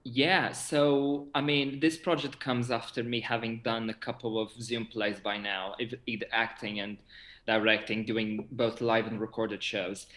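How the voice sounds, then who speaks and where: A young Portuguese theatre director and actor, interviewed as a guest, chats effusively and enthusiastically in a mid-range, level, fairly bright voice at an unhurried pace. It sounds like a video call from an echoey room.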